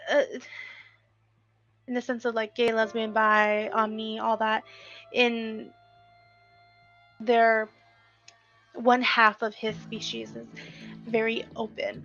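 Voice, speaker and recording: A woman's voice: a little high, a bit bright, lo-fi sound. A woman hosting a writing livestream, chatting casually, rambling with fillers and giggles, and sleepy. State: sleepy, yawning. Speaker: livestream host.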